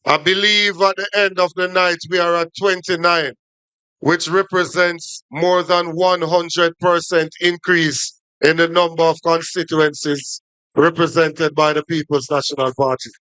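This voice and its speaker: A man with a Jamaican accent giving a formal political speech to supporters as a party official, in short deliberate phrases. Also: fairly high pitch, flat delivery, pushed and bright, smooth, no room sound, rough recording.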